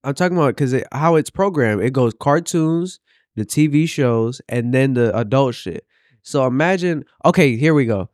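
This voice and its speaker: In studio-quality audio with no echo, a man trades casual banter and stories in loose, profane slang, repeating phrases as he builds them up. His voice is medium-pitched and a little mellow, animated, at a normal speed.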